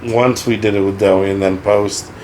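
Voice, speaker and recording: A man's voice: lowish voice, little pitch movement, normal speed, darkish tone, slight background noise, poor audio. A man, a rapper guest on a podcast, talking candidly and sombrely in casual conversation and swearing freely.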